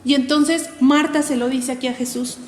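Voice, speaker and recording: A woman's voice: high voice, steady tone, moderate pace. A woman preaching to young people in an earnest, conversational way, full of fillers. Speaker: youth preacher. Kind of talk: youth sermon. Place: church hall. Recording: echoey hall with faint ambience.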